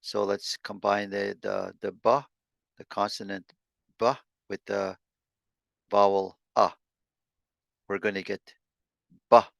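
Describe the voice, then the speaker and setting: A man teaching an online language lesson over a video call, sounding out syllables slowly with many halting restarts. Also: lowish voice, little pitch movement, creaky, fairly bright tone, no echo.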